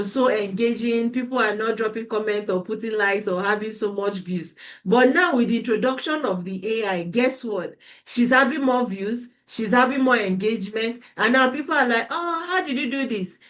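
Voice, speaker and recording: Woman online coach, lively delivery on a video call. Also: fairly high pitch. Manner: animated, laughs often, repeats herself. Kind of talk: live online class.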